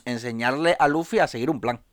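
Man, rapid talker, excitable co-host, casual chat. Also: mid-range voice, no room sound, clean studio sound. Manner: quick, excitable, laughs along. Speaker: podcast co-host.

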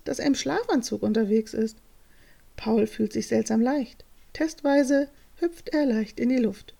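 A woman reading a bedtime story aloud, calm and measured, softening toward a hush. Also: a little high, gravelly.

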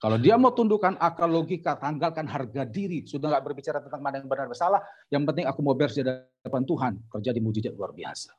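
A man's voice: mid-range voice, animated, fast talker, a little mellow, breathy edge, lo-fi sound. A man preaching a sermon as a pastor, telling a story to his congregation and speaking sternly and emphatically.

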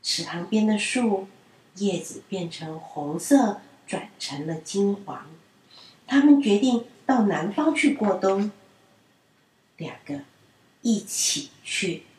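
A woman reading children's stories aloud in a gentle storyteller manner. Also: medium pitch, expressive, slow. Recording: roomy and distant.

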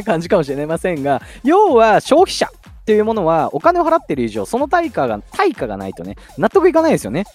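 Chatty man with a very animated voice. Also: a little high. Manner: chatty, with frequent fillers and rhetorical questions to listeners. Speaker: audio podcast host. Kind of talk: casual solo talk on communication skills.

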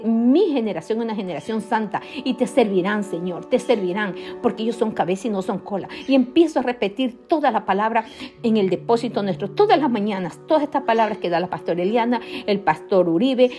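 A woman's voice: mid-range voice, a little mellow. A middle-aged woman preaching a sermon, with fervent, repeated declarations.

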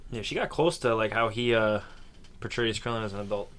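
A man co-hosting a casual podcast, animated and laughing as he joins in. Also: on the low side, a little fast. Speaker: podcast co-host. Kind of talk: casual chat.

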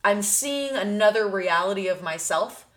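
A woman's voice: medium pitch, animated, normal speed. A young woman co-hosting a casual chat, talking in a loose, rambling way full of "like". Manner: rambling, heavy use of "like".

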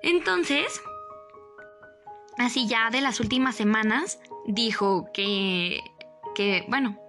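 A young woman with a Mexican Spanish accent telling a personal story in a casual, animated, dramatic way. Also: slow pace, faint music behind. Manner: animated, dramatic, jumps up in pitch for emphasis.

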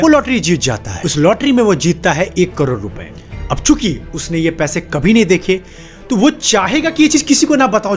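A young man gives an animated motivational talk straight to camera. His voice sits high and leaps around constantly, stacking short emphatic phrases one on another. Soft music plays faintly underneath. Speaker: self-help video host.

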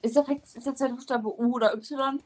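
A young woman co-hosting a casual guessing-game podcast, competitive and stubborn, musing aloud in drawn-out syllables. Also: high voice, fairly even intonation. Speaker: co-host playing a guessing game.

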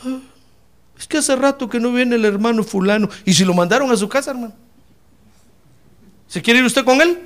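A man's voice: extremely high pitch, normal speed, long pauses, fairly bright tone. A man preaching a fervent sermon, often calling his listeners brother.

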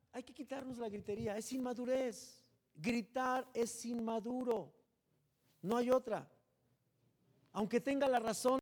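A man preaching a sermon as pastor, animated and joking, swinging between loud and hushed. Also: sits high.

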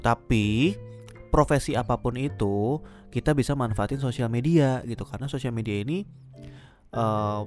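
Man with a slight lisp, podcasting. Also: mid-range voice. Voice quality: slight lisp, slurred r sounds. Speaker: podcast host. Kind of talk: casual solo podcast talk giving opinions.

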